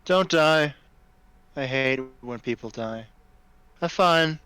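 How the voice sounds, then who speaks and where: A man's voice: fairly high pitch, lively intonation, slow pace, pushed and bright, smooth, no room sound, exaggerated voice. A man voicing a dopey, gloomy but friendly dragon familiar in a droopy dragon voice during a tabletop game. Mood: gloomy, fond. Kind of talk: tabletop game role-play.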